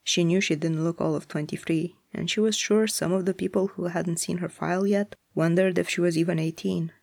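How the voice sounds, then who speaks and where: A narrator reading a story aloud in a measured, even way. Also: mid-range voice, gravelly, no room sound, studio quality.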